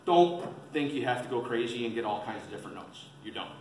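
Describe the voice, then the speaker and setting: A man's voice: mid-range voice, animated, fast talker, darkish tone. A man presenting an informal how-to seminar to a group, plain-spoken and folksy, repeating his points for emphasis. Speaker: seminar presenter, experienced waterfowl hunter. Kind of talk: informal instructional talk to a group. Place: indoor seminar at a museum. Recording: roomy, distant mic with faint noise.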